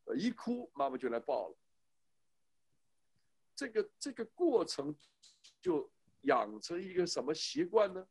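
A middle-aged man preaching on parenting, his voice sitting high and leaping all over the place. He talks emphatically and keeps tossing rhetorical questions at his listeners. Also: big pitch swings, measured pace, pauses often, a little mellow, breathy edge. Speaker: church speaker. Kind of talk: sermon on parenting.

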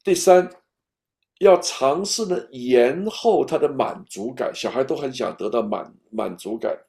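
A man giving a patient, step-by-step talk on raising children, at times speaking straight to an imagined baby and dropping to a soft whisper. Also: medium pitch, a little slow, creaky. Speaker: parenting speaker.

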